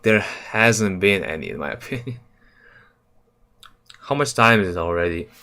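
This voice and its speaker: On his live stream, a young man from Serbia builds a game level and chats in a loose, slangy ramble, full of fillers and self-corrections. His voice is on the low side, and keyboard and mouse clicks fill the background.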